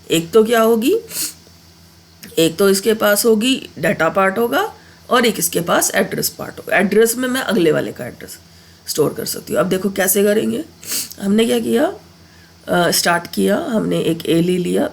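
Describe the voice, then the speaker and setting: In a medium-pitched, gravelly voice, a woman with a cold and sore throat casually teaches coding in Hindi, regularly checking in with a rising "okay?"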